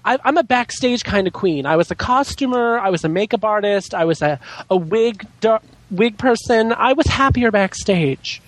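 A man's voice: high-pitched, lively intonation, moderate pace, hardly any pauses, no room sound. A man chatting casually as a podcast guest, with a campy drag-queen delivery and exaggerated, theatrical inflections. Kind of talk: casual chat.

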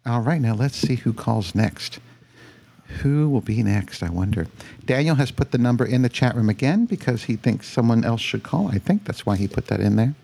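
Lively-voiced man hosting a call-in show. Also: medium pitch, normal speed, gravelly, breathy edge. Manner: chatty, laughs easily. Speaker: host of a live call-in show. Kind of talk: casual call-in chat.

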